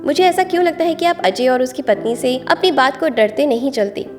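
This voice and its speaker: Woman reading as a caring grown daughter, reassuring, firm, slightly high voice, storybook. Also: lively intonation, a little fast, soft background music.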